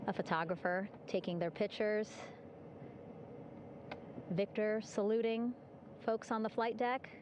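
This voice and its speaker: A woman's voice: medium pitch, a little slow, pauses often, noisy background. A woman giving live, chatty commentary on an event as it unfolds. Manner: upbeat, chatty, warm-hearted narration with light laughs. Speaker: broadcast commentator.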